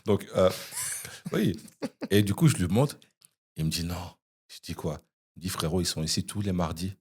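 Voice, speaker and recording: A young man, a podcast guest, telling an animated anecdote in casual chat, with frequent "you see" asides. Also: low-pitched, normal speed, breathy edge.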